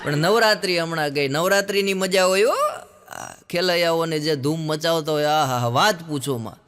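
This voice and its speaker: Stand-up comic, male, high bright voice, acts out the people in his jokes. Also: normal speed, clear, resonant tone. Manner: acts out characters' quoted lines in raised voices. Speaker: stand-up comedian. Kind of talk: stand-up joke telling.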